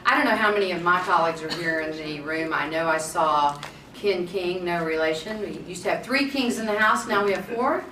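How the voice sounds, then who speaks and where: A woman who is a state representative moderates a conference panel, chatty and joking and often self-deprecating as she speaks publicly. Her voice sits on the low side and moves fairly quickly. The conference room recording sounds roomy, with a distant mic and faint noise.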